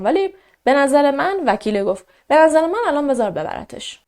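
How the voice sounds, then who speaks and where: Lively woman telling a true crime story. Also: on the high side. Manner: animated, quotes characters in a raised voice. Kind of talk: casual true crime narration.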